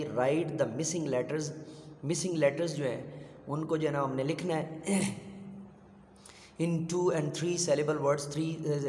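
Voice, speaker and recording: A man's voice: a little high, a little mellow, slight background noise. Echoey male teacher explaining a textbook. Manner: teaches slowly, switching between two languages, many fillers and spelled-out words. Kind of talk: explaining a kindergarten English textbook lesson. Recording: echoey room with long reverb.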